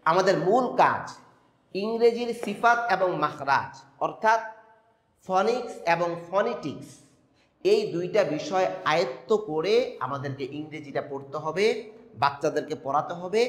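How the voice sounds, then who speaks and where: A man's voice: a little high, fairly bright tone. A man giving an instructional talk, emphatic, asking rhetorical questions and spelling out sounds step by step. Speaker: teacher. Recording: echoey room with long reverb.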